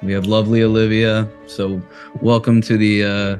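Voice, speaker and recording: A man's voice: lowish voice, flat delivery, normal speed, a little mellow, faint music behind. A man co-hosting a casual film podcast, loose and jokey, swearing and laughing as he talks. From American Midwest. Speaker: podcast co-host.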